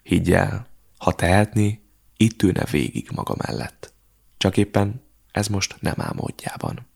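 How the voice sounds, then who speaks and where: A man voicing a calm, kindly older host who speaks with quiet mystery in an audiobook. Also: low-pitched, vocal fry, husky, heavily acted.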